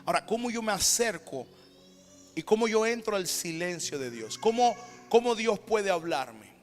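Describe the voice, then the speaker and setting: A high-pitched male pastor with a Panamanian Spanish accent delivers a sermon, swinging between ringing, emphatic declarations and hushed, quiet stretches. His voice carries a long church-hall reverb, with soft music playing underneath. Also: expressive, moderate pace. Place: church sanctuary.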